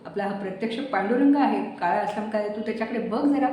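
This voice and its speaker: A woman plays a devout, patient woman who urges and gently scolds her friend. The voice is heard from some distance in a room with strong echo. A faint hiss sits behind it. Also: mid-range voice, a little fast, close to an everyday voice. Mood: coaxing. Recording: very echoey room, distant mic, faint noise.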